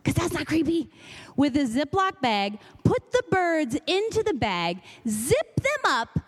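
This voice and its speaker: A young woman telling a comic personal story on stage, self-mocking and lively. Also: sits high, a little slow.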